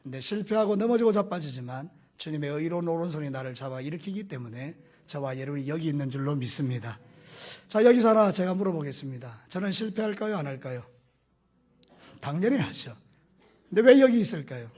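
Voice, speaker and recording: A male pastor preaching a sermon, animated and putting questions to the congregation, with folksy, humorous stories. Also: fairly high pitch, brisk.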